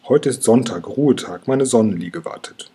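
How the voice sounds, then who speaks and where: A man voicing an impatient old grandma dragon in a storybook reading, with a very husky voice. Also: mid-range voice, lively intonation, normal speed, warm tone.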